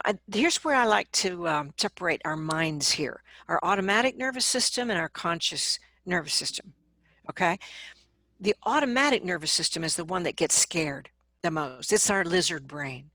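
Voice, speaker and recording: Interviewed as a vocal coach, a woman explains her advice conversationally and acts out examples with animation. Her voice is on the low side, with no echo.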